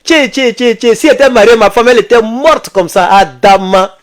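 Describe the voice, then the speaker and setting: Man, high-pitched, casual live commentary, repetitive and exhorting. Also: fairly quick. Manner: exhorting, repetitive, addresses viewers as comrades. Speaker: political video blogger.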